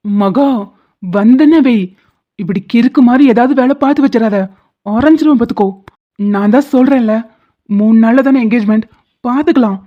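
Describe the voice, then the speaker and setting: Cartoon lead: a woman playing a confident young boyfriend, brusque but reassuring, fairly high voice, lo-fi audio. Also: normal speed, pauses often, lightly acted. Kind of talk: cartoon drama dubbing. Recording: dull lo-fi audio.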